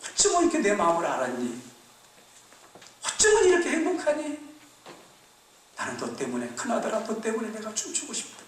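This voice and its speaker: A man's voice: high voice, pushed and bright, slight background noise, pitched above the performer's own voice, heavily acted. A pastor voicing an overjoyed old father. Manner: tender and thankful. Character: overjoyed aging father welcoming his sons. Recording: echoey church hall, mic far off.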